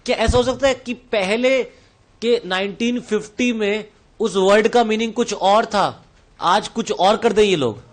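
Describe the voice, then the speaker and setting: A man with a high voice and Indian English accent runs a revision lecture in a classroom. He fires question after question at his students, calling them "beta" and answering them himself. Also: measured pace. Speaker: teacher.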